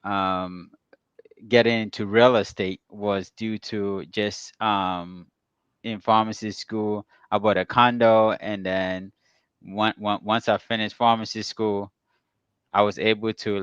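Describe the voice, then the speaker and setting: A man's voice: on the low side, fairly even intonation, takes it slowly, clean tone, no echo, highs cut off. A man in his thirties from Ghana, a guest telling his story easygoingly with plenty of ums. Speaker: guest, pharmacist and real estate investor. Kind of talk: casual interview.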